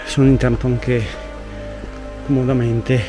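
A man's voice: mid-range voice, flat delivery, unhurried. A man talks his way up a mountain trail, narrating to a camera he carries as he walks, in a chatty, thinking-aloud manner. He is recorded outdoors, with faint music underneath his voice. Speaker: hiking vlogger. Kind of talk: casual hiking narration to camera. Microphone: camera carried while hiking.

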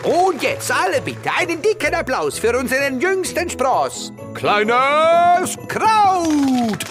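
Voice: high-pitched, sing-song, slow pace, full character voice. A woman, by the sound of the voice, playing a cheerful potato showman who announces grandly in a children's audio play. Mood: showy, cheerful. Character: cheerful theatrical potato showman hosting a Christmas show. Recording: loud music behind.

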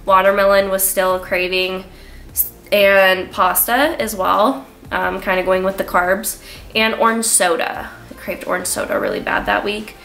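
Chatting to camera with a congested, stuffy voice, this young vlogger sprinkles "like" throughout her casual talk. Her medium pitch sounds animated, pushed and bright with vocal fry, at normal speed. She's in a small indoor room, shot from the waist up on a tripod, with soft music behind.

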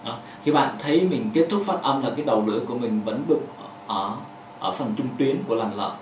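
A man whose first language is Vietnamese, teaching pronunciation; he talks haltingly with many fillers and says example words over and over. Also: medium pitch, expressive, a little hiss or hum. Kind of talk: explaining a lesson with hand demonstrations. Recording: echoey room, voice from a distance.

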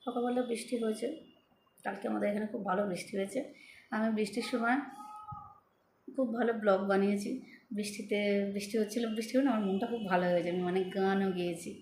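A middle-aged woman vlogging at home into her phone. She speaks with a soft, slightly lisping, childlike manner and takes her time over words to say them clearly. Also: medium pitch, fairly even intonation, fast talker, long pauses, roomy sound, slight background noise. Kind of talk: casual chat to viewers. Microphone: phone camera.

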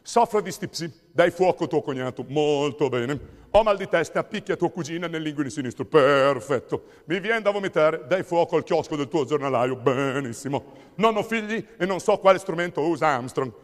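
A comedian voices a fussy male examiner in a live stage comedy, a slightly high voice patters out puns and repeats every line. The long theatre reverb hangs around each phrase, and audience laughter breaks in. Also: lively intonation, close to an everyday voice. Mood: jokey reassuring. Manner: rapid wordplay patter, repeating himself. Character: fussy male examiner testing a young man.

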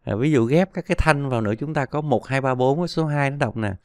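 Giọng nam miền Nam, giảng phát âm chậm rãi, kiên nhẫn, giọng trong, thu âm khô và gần. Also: male voice, medium pitch, quick pace, clear, resonant tone, dry recording, clean studio sound. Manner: patient, drills each sound twice. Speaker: Chinese pronunciation teacher. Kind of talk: slow, repetitive language lesson.

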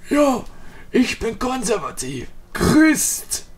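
A man's voice: very high voice, sing-song, slow, slight background noise. A man hosting a Let's Play, commenting on the game with jokey, rambling free association. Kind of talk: joking gameplay commentary.

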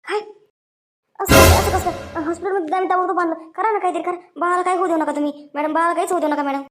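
A woman voicing a calm female doctor. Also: extremely high pitch, rapid-fire, over loud music. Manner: calm, explaining.

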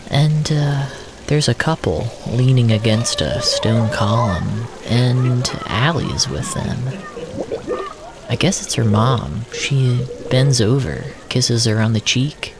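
A man narrates surreal first-person audio fiction, deliberate and descriptive, often speaking in short fragments. His voice sits in the mid range against a noisy background.

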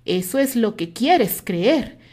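A woman's voice: on the high side, lively intonation, normal speed, a little mellow. A woman voicing a proud, jealous young man who speaks in a raised, emphatic way. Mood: angry.

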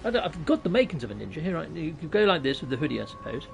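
Racing along with big pitch swings, his fairly high, creaky voice comes over soft background music. He's a British man in his thirties casually chatting with viewers during a live game stream, joking and making fun of himself. His USB mic sits on his laptop in a small room at home.

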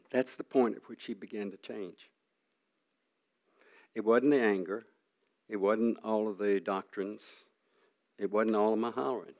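An older man giving an earnest sermon testimony, telling a personal story with halting restarts and frequent throat clearing. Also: on the low side, fairly even intonation, a little mellow. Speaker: preacher.

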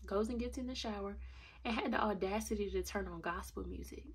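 A young woman tells a storytime vlog with blunt, indignant energy. Her voice has a gravelly fry and a husky, rough grain at a mid pitch. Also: fairly quick. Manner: blunt, indignant, addresses viewers as y'all. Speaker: vlogger.

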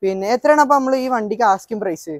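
Young man, mix, quick delivery, car showcase host, question-and-repeat manner, dry lapel mic sound. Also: sits high, no echo. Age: young adult. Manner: mixes English words into Malayalam; asks questions and repeats answers back. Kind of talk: conversational used-car walkaround presentation. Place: open-air car lot. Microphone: clip-on lapel mic.

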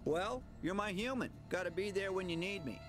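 Game casting: a cocky talking mare, surfer-dude drawl, sarcastic and carefree, higher voice. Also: male voice, lively intonation, a little fast, over music. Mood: laid-back. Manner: breezy, teasing, sarcastic. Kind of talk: video game voice acting.

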